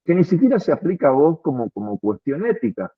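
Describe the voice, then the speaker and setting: A man's voice: a little high, big pitch swings, brisk, husky, no echo. A man in an earnest, reflective philosophical conversation, often repeating words as he thinks. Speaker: philosophy commentator. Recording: tinny phone-like line.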